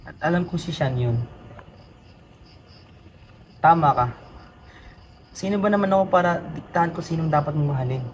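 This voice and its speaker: A man's voice: a little high, normal speed, long pauses, dull audio, slight background noise, lightly acted. A young man playing a protective older brother and grieving lover in a short drama film, speaking earnestly and with strong emotion. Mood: tender. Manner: earnest, emotional, polite to elders. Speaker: lead actor in a short film. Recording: music score behind the voice.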